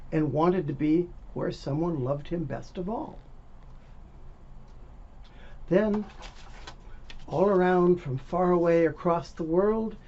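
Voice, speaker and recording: A man's voice, on the high side with a darkish tone, reads a children's picture book in a casual, interactive style aimed at young listeners. He is a volunteer reader, captured in dull lo-fi sound with faint background noise.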